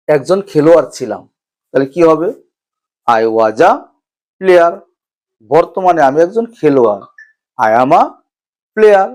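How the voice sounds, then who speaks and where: A man's voice: fairly high pitch, a little mellow. A man with a Bangladeshi accent teaching a spoken English lesson, patiently repeating each phrase step by step.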